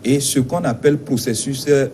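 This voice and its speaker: A man from Togo representing a teachers' union, answering interview questions in a measured, insistent way with some hesitations. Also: mid-range voice, fairly even intonation, mellow, slight background noise.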